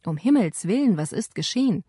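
A woman's voice: medium pitch, very animated, brisk, dark tone, husky, no room sound, studio quality. A woman reading wary Roman gate guards. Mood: alarmed. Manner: uneasy, questioning.

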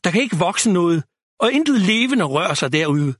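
A man's voice: sits high, very animated, fairly bright tone, slightly rough, dry recording, studio quality, full character voice. A man voicing a panicked young male elf border guard in a storybook, talking breathlessly and urgently.

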